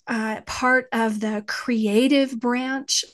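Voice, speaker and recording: A woman with a West Texas twang, speaking as an interview guest in a thoughtful, halting way as she searches for words. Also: on the high side, steady tone, fairly bright tone. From West Texas, United States. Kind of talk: reflective interview conversation about faith.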